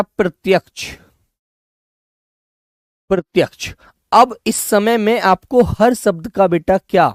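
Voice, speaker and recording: High-voiced teacher drilling spelling. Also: male voice, darkish tone, no room sound, studio quality. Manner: coaxing, repeats words slowly to students. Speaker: Hindi teacher. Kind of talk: online class lesson.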